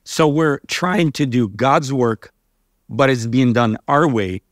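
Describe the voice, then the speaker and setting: Casting: middle-aged male interviewer, steady mid voice, quick amens, dry studio. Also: medium pitch, dry recording. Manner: affirming, frequent amens and interjections. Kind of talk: interview about faith. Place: dark studio set, seated.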